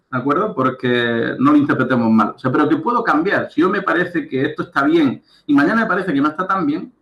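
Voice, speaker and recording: A man's voice: on the high side, pushed and bright, reverberant. A man giving a recorded lecture as a coach, explaining step by step and often checking understanding with "right?". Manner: explanatory, checks understanding with frequent "¿de acuerdo?" and "¿vale?".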